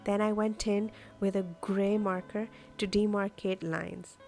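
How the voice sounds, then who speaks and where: A journaling vlogger and host whose first language is Urdu narrates a craft process casually, explaining as she goes over background music. Her medium-pitched voice has a noticeable gravelly creak, with a flat, slightly slow, darkish delivery.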